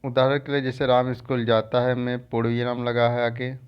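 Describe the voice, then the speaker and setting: Male teacher for a screen-recorded grammar lesson, flat delivery, repeats each term, dull lo-fi sound. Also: mid-range voice, clean tone. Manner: explains slowly, repeats terms. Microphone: phone or screen recorder mic.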